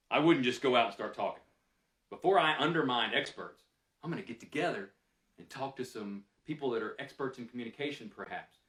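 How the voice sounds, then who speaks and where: A man's voice: on the high side, fairly bright tone. A man answering audience questions after a lecture, candid and conversational, thinking aloud with fillers. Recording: roomy, mic some distance away.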